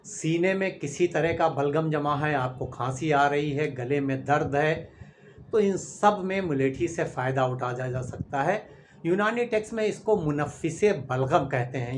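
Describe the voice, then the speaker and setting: A man's voice: on the high side, slight background noise. A man presenting a health channel as a doctor, patiently and methodically explaining an herbal remedy point by point.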